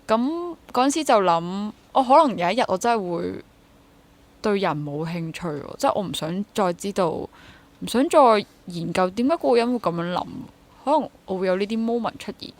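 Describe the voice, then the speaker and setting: A freelance actor and drama teacher in her twenties talks casually as an interview guest, her Hong Kong Cantonese accent coloring a medium-pitched, darkish voice. She speaks at normal speed with lively intonation, thinking aloud, rephrasing herself and slipping in English words.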